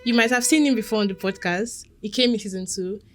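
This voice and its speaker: A young woman, hosting a podcast in relaxed, easygoing chat. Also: medium pitch, quick pace. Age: young adult. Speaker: podcast host.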